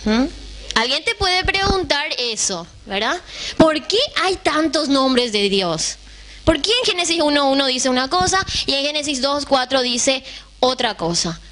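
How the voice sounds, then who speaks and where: A woman's voice: high voice, sing-song, measured pace, fairly bright tone. A woman teaching a Bible lesson to a class, often putting questions to the room and checking that they follow. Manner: keeps asking the class questions, checks in with "right?".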